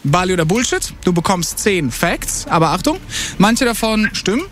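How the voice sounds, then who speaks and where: A male radio host running an on-air quiz game with a caller, energetic and slangy, dropping in English words. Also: sits high, normal speed, slight background noise. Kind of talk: upbeat radio game show hosting.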